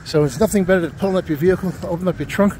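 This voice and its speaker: Speaking very fast in a high, slightly mellow voice, a middle-aged vlogger casually narrates his walk through a waterfront park and chats with people he meets. He holds the camera as he walks, and faint wind and outdoor ambience are audible.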